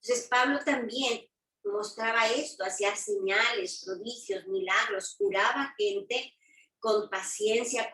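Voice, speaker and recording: A woman's voice: medium pitch, a bit bright. Woman teaching a Bible study, roomy. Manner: explains verses, checks in with tag questions. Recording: roomy sound from a distance.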